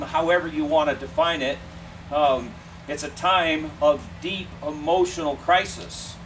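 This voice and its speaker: A man preaching a funeral eulogy in measured, deliberate short phrases with pauses. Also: on the high side. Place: funeral service, speaker away from the mic. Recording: distant mic, clear steady air-conditioning noise.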